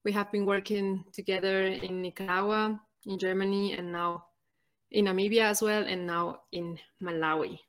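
A woman from Ecuador, earnestly introducing her podcast and pausing often to find her words. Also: medium pitch, little pitch movement. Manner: earnest, halting, many "um" pauses. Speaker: podcast co-host.

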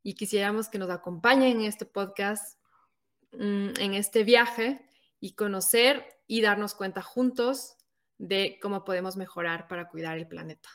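In a relaxed podcast conversation, a thirtysomething Ecuadorian co-host talks earnestly and thoughtfully, now and then correcting what she's said. She has a medium-pitched, fairly bright voice and speaks a little slowly.

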